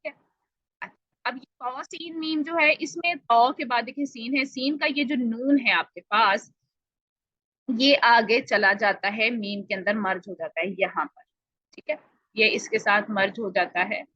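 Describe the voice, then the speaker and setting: Bright-voiced woman teaching Quran recitation. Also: fairly high pitch, no echo, highs cut off. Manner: explanatory, asks and answers own questions, drawn-out example words. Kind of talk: online tajweed lesson.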